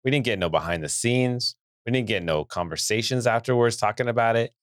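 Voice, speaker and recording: A man's voice: medium pitch, animated, fairly quick, no room sound, studio quality. A man hosting a podcast, talking casually and enthusiastically with his co-host. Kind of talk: casual chat.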